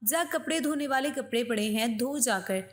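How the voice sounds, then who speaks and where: A woman's voice: fairly high pitch, lightly acted. A woman doing a harsh scolding mother-in-law. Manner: scolding, insulting.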